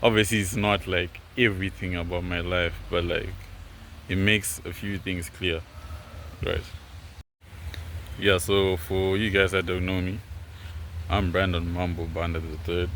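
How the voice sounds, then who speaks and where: A man's voice: deep voice, flat delivery, measured pace, long pauses, fairly bright tone, low-quality recording. A man in his twenties from Zimbabwe, talking casually and earnestly to camera, rambling with lots of fillers. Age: 20s. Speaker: vlogger. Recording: noticeable background noise, rain.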